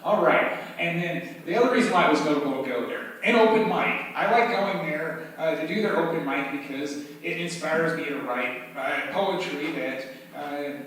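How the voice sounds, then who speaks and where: A man with an Upper Midwest American accent doing a rambling, halting spoken-word monologue at a bar open mic, full of fillers and dry asides. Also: on the high side, a bit bright. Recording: echoey bar room, mic at a distance.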